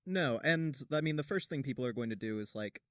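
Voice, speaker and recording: A man's voice: mid-range voice, animated, dry recording. Joking young man, dry close sound. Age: young adult. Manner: backchannels often, jokes with quick asides. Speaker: podcast co-host. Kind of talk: casual chat.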